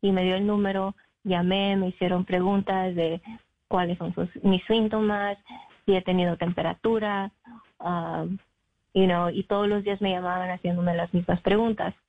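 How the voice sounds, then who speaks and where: A young adult woman from Mexico, a guest telling her own story in an interview. She talks haltingly, with many fillers and English words mixed in. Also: lowish voice, little pitch movement. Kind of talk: personal account in an interview. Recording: phone line.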